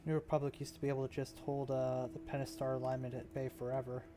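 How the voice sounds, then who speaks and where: A man casually thinking aloud as he builds a game map, musing and talking to himself in an unhurried way. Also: medium pitch, monotone.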